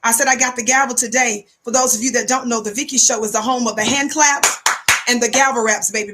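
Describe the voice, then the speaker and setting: An American woman speaks in a somewhat high-pitched voice as the host of an online talk show. She addresses her viewers directly in a monologue. Her delivery is emphatic and preacherly, with phrases repeated as call-outs. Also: fairly bright tone.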